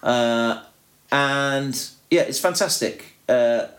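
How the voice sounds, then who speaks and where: A British man chatting loosely as a podcast co-host, his voice sitting at an ordinary middle pitch. He rambles, starting sentences over and trailing off, in an easygoing, unscripted way. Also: extremely slow, a bit bright. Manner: rambling, with many restarts and fillers. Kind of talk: casual chat.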